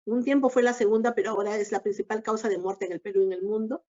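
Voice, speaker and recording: A woman giving a recorded obstetrics lecture, explaining each slide in a measured way. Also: mid-range voice, fairly even intonation, mellow. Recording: dull lo-fi lecture audio.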